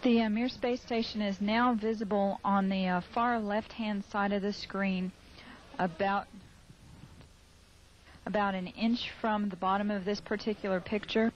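A woman giving live spaceflight commentary over a mission control broadcast, measured and halting with fillers. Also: medium pitch, steady tone. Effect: radio-style mission control broadcast. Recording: dull lo-fi broadcast with faint hiss.

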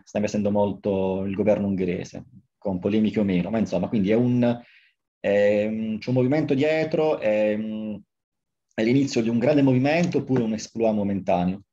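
Italian-accented man, forties, interviewer, relaxed mellow tone, conversational, muffled video-call recording. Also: lowish voice. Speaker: interviewer, host. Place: book-lined room at home, on a video call. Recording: dull, lo-fi video-call audio.

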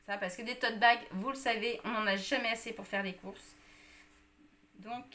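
A woman's voice: on the high side, steady tone, moderate pace, bright, forceful tone, slight background noise. A woman chatting casually to viewers about a shopping haul, with many fillers. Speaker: vlogger.

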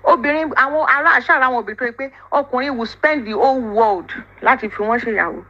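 A woman's voice: high-pitched, quick pace. Nigerian woman in a dull voice message. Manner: accusing, emphatic, mixes in Yoruba. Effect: voice message played back. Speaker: sender of a voice note. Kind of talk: angry personal voice message. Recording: dull lo-fi voice note with faint noise.

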